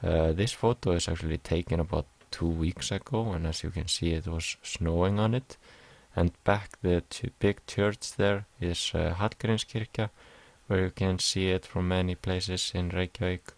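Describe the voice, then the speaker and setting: A man's voice: deep voice, steady tone, moderate pace, creaky, no echo. A young man from Iceland, hesitantly explaining a class assignment over slides, with many fillers. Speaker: music production student.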